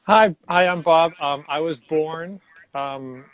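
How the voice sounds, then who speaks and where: A man introducing himself with absurd deadpan jokes over a video call. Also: on the high side, slow, lo-fi sound. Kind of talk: casual chat.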